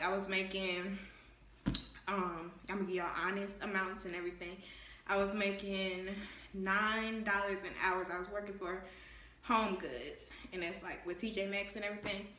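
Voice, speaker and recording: A woman's voice: medium pitch, bright, forceful tone, echoey room. A young woman of about nineteen giving candid, chatty advice in a casual vlog, talking straight to her viewers. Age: young adult, about 19. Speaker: vlogger.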